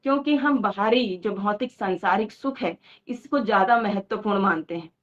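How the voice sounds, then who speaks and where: A woman's voice: medium pitch, normal speed, lo-fi sound. A woman giving a devotional talk, telling a moral story and asking rhetorical questions in an earnest, explaining manner. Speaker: devotional speaker.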